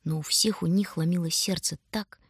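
A woman narrating an audiobook in an even, measured storytelling voice. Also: fairly low pitch, breathy edge, no echo, clean studio sound. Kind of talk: scripted narration.

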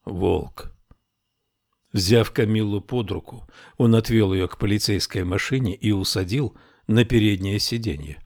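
Deep-voiced male audiobook narrator. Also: moderate pace, hardly any pauses, darkish tone, no echo, studio quality. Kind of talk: scripted narration.

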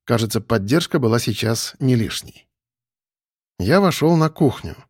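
A man narrating an audiobook in the first person, even and matter-of-fact. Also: medium pitch, moderate pace, no room sound, studio quality.

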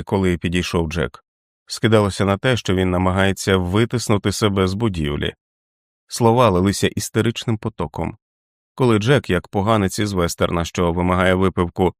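A man narrating an audiobook in a measured, expressive reading voice. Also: sits low, dry recording, clean studio sound.

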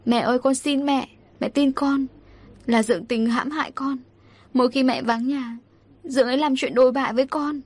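A woman's voice: on the high side, quick pace, a little mellow, pitched above the performer's own voice, close to an everyday voice. A woman voicing a frightened young daughter who pleads tearfully and hesitantly. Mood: pleading.

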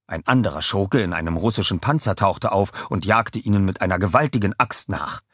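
A man reading a children's audiobook aloud with expressive storytelling narration. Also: sits low, brisk, breathy edge, no echo, clean studio sound.

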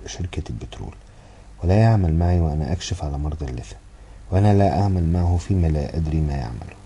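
Brief: indignant young wife, read by a man, very deep dark voice, loud protest. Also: gravelly, a little hiss or hum. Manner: insistent, indignant, raised voice. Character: insistent young foreign wife, defiant.

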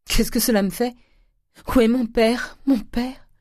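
A man voicing a naive, emotional young gentleman who pleads in a high, strained voice. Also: expressive, brisk, slightly rough, no room sound, studio quality. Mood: anguished.

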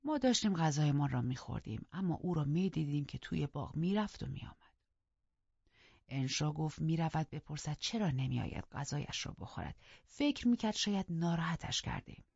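A measured first-person audiobook narration with a husky voice. It is recorded dry and close, with a dull, lo-fi sound. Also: mid-range voice, animated, no room sound. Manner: measured storytelling, hushed at times.

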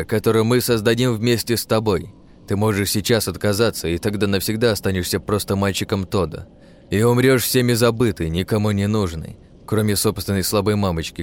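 A man's voice: on the low side, close to an everyday voice. A man voicing a scheming male protagonist who talks like a demon, coaxing and menacing in a storybook reading. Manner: cold, coaxing, menacing persuasion.

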